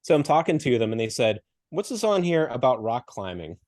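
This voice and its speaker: A man's voice: mid-range voice, big pitch swings, fairly quick, a little mellow, no echo, clean studio sound. A middle-aged man from Western Pennsylvania telling a story in a casual interview, acting out the people he quotes and laughing often. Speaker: podcast guest, coach and speaker.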